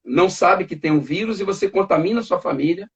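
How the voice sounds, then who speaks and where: Halting higher-voiced pastor, dull audio. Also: male voice. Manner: halting, repeats words, acts out family arguments. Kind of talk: conversational church talk.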